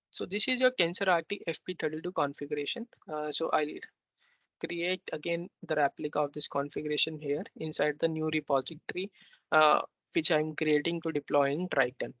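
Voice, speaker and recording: A man leads a technical workshop over a video call, walking through each step and tagging his points with a questioning "right?". His voice sits a little high. The call audio is slightly dull and dry, with no room echo. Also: creaky, a bit bright. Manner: explains step by step, often ends with a questioning "right?". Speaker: workshop instructor. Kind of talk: technical tutorial walkthrough. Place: remote meeting.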